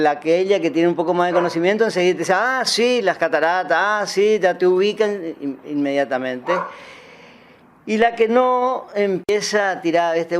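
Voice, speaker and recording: Guest, man, Misiones Argentine accent, animated raconteur, voice a touch higher than average. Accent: Misiones Argentine Spanish. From Puerto Iguazú, Argentina. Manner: animated storytelling, acts out quoted dialogue, frequent fillers. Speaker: guest, puppeteer. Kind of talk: casual interview chat.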